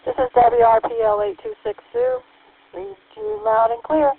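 Gravelly woman checking in over walkie-talkie. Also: very high voice, moderate pace, dry recording. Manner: relaxed, chatty storytelling. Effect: heard over a two-way radio. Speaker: radio net participant. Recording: tinny two-way radio with faint static.

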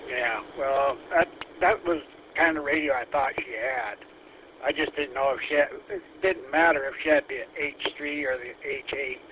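A man chats casually over a two-way radio, easygoing and halting, with plenty of fillers. His voice sits at an ordinary middle pitch. It comes through a tinny, narrow radio channel with a faint hiss underneath. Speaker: radio operator.

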